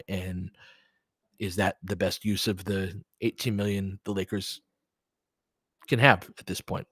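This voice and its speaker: On the low side but fairly bright in tone, a man's voice carries live basketball commentary, shifting between relaxed analysis and answers to listeners while he thinks aloud. The recording is dry.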